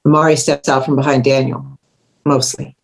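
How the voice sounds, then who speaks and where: At a table read, a woman narrates a screenplay, reading the scene directions as scripted narration. Her low-to-middling voice stays level at a moderate pace, with some vocal fry.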